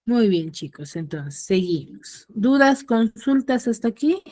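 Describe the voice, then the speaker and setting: Slow-talking woman teaching an online class. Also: fairly high pitch, big pitch swings, mellow. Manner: patient, checks in with the class often. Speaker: secondary school teacher. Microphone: video call.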